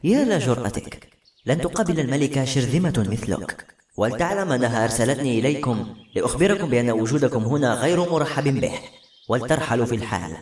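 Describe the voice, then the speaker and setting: A man's voice: mid-range voice, lively intonation, fast talker, a little mellow, natural voice. A man voicing a cold, arrogant noblewoman, speaking with haughty scorn in a roomy recording. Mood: cold contempt. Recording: roomy echo.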